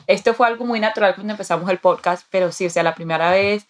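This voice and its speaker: A woman's voice: mid-range voice, fast talker. A woman with a Colombian accent, hosting a podcast and chatting casually. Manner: conversational, many "o sea" fillers. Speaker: podcast host. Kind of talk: casual interview chat. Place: podcast studio.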